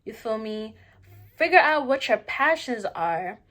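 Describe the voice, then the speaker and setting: High-voiced young woman giving emphatic, slangy opinions. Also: expressive, unhurried, fairly bright tone. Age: young adult. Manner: eats between points during a mukbang. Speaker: vlogger. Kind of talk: casual opinion monologue to viewers while eating.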